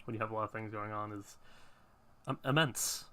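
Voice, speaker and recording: A man's voice: lowish voice, fairly even intonation, brisk, music in the background. A man giving casual, chatty commentary as he plays a video game. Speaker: gaming video host.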